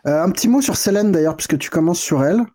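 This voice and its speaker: Mellow-voiced man co-hosting a game chat. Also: a little high, animated, fast talker. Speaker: podcast co-host. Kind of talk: casual chat about video games.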